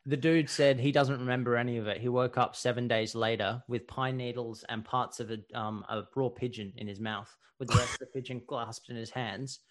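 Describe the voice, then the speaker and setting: A man co-hosting a podcast, telling a war story in casual chat, animated and laughing often, with casual swearing. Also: medium pitch, a little fast, few pauses. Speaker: podcast co-host telling history stories.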